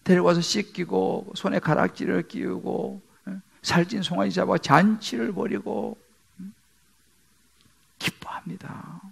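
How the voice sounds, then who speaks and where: A male pastor preaching a sermon emphatically, swinging between loud rises and hushed near-whispers. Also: high voice, steady tone, measured pace, creaky, breathy edge. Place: church sanctuary.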